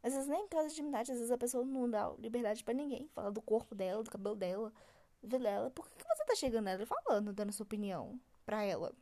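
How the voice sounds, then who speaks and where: A young woman with a fairly high but mellow voice rants through her solo podcast. She complains in an exasperated, animated way, sometimes mimicking the people she dislikes. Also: fast. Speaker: podcast host.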